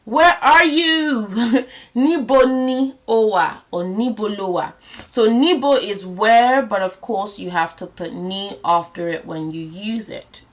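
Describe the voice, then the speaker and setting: A woman teaching a language lesson, explaining step by step and repeating example phrases slowly, checking in often with the listener. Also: mid-range voice.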